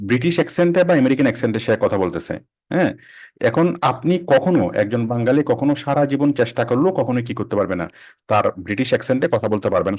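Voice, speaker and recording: A man teaching a casual online class, quick and conversational, repeating and restarting phrases. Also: mid-range voice, a little mellow. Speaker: freelancing instructor.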